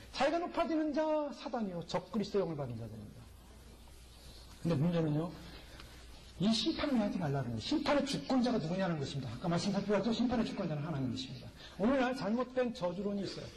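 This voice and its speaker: A man's voice: sits high, rough recording. A male pastor preaching a sermon, delivering it emphatically and firing rhetorical questions at the congregation.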